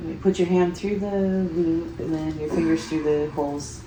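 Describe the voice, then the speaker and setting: A middle-aged woman chatting casually in a low-key, matter-of-fact way. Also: fairly even intonation, moderate pace, dark tone. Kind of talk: casual chat. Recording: echoey room with faint noise.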